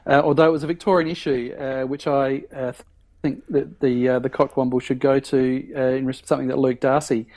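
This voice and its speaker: A man on a podcast panel, talking haltingly with many ums and uhs. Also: mid-range voice, level tone, darkish tone. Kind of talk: casual chat.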